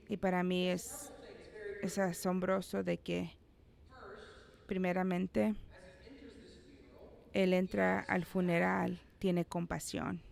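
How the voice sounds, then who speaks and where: Slow, gravelly man preaching a sermon. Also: sits high. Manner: conversational, playful asides to the congregation; acts out quoted voices. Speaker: pastor. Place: church service.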